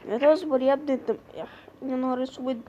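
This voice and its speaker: High-voiced Egyptian woman gaming. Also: fairly even intonation, quick pace, warm tone, muffled recording, a little hiss or hum. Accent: Egyptian Arabic. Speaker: gaming creator. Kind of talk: horror game let's play commentary.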